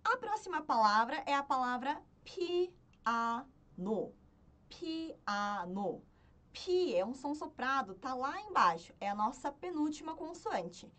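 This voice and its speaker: Patient woman teaching, lively high voice. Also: moderate pace, hardly any pauses. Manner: patient, repeats and checks with "certo?". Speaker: Korean language teacher. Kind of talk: spoken lesson, chanting syllables.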